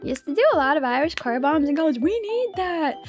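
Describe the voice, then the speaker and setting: Young female VTuber, casual stream chat, excitable, laughs a lot, swears, lively pitch swings. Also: a little fast, faint music behind. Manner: excitable and giggly, swears freely.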